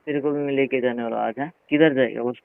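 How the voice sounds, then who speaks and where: A man's voice: mid-range voice, steady tone, quick pace, vocal fry, smooth. Young man teasing on a tinny phone line. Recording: tinny phone call recording with faint hiss.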